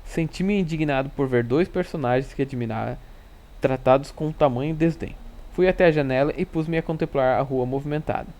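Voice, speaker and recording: A man reading a classic novel aloud in a steady, measured first-person narration. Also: medium pitch.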